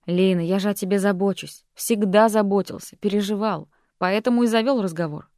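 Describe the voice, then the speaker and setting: Woman reading Daniel, a calm patronizing man. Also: medium pitch, a little fast, no echo, studio quality, lightly acted. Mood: condescending. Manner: soft-spoken, patronizing. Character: calm condescending man, heroine's ex-lover and former teacher.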